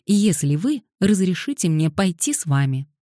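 A woman reading an audiobook voices a clingy six-year-old girl who calls out in shrill, pleading wails. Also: very animated, moderate pace, warm tone, no room sound, clean studio sound. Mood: wheedling.

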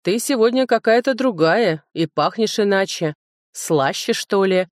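Woman doing a deep-voiced pushy dragon guy from an audiobook, slow and teasing, dry close sound. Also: animated, dry recording, lightly acted. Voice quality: deep bass voice. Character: brash amorous young man, a dragon shifter. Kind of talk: audiobook reading.

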